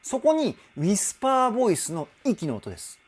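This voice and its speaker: A man's voice: high-pitched, wildly swooping pitch, fairly quick, darkish tone, breathy edge. A male vocal trainer giving an enthusiastic, explanatory song analysis and now and then singing short phrases to demonstrate.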